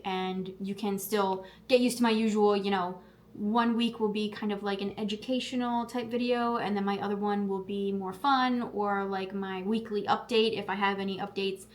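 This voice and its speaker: Chatty woman vlogging, lots of "like". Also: medium pitch. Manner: chatty, lots of "like" fillers, quick asides; laughs at herself often. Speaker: health vlogger. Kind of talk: casual vlog chat to camera.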